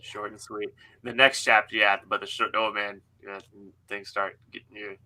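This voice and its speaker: Speaking at a normal speed with a lowish, sharp voice and little pitch movement, a young man streams casually from home as an author running a read-along. He reads comments, jokes around, laughs mid-word and swears, and the recording quality is low.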